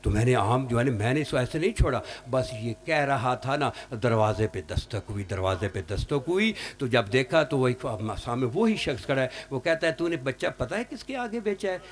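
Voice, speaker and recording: A man delivering an emotional mourning sermon as a cleric, with rhetorical tags and sudden leaps in pitch and loudness. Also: expressive, few pauses. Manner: impassioned, swinging sharply in pitch and loudness, rhetorical "hain?" tags. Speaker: Shia cleric leading a Muharram majlis.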